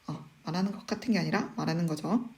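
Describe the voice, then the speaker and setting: This teacher's voice is lowish and darkish, and the recording carries a faint hiss or hum. She goes over exam questions in an online class with patient, methodical step-by-step explanations, often stopping on "eo" and asking her students rhetorical questions.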